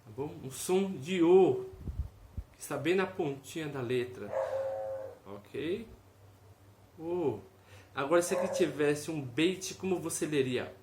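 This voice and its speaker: A man's voice: on the high side, lively intonation, a little slow. A man giving a casual video lesson, explaining step by step, often checking in with "ok?" and sounding out each vowel aloud. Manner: explanatory, tag questions, demonstrates sounds aloud. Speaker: teacher. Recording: echoey room, faint noise.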